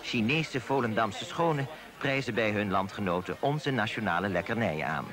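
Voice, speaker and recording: A man giving formal, measured scripted voice-over narration for a documentary. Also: on the low side, expressive, a crowd in the background. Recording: voice-over with loud music behind.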